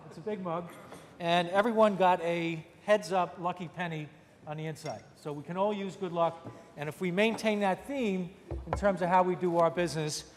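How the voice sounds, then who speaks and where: A man's voice: sits high, slight background noise. Man giving floor remarks in an echoing chamber. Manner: chatty, with wry joking asides. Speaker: state senate majority leader. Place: large legislative chamber, indoors. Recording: long reverb of a large chamber.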